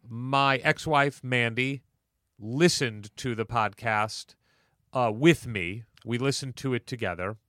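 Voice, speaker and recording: A middle-aged man co-hosting a casual podcast, telling stories in a relaxed way. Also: mid-range voice, slow pace, dry recording, studio quality. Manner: storytelling, relaxed. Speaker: podcast co-host.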